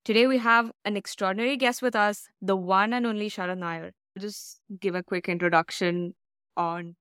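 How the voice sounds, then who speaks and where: A woman's voice: mid-range voice, fairly even intonation, normal speed, a bit bright, smooth, no room sound, studio quality. A woman hosting a podcast, chatting casually with a bubbly, giggly manner and loose fillers. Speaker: podcast host. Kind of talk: casual chat.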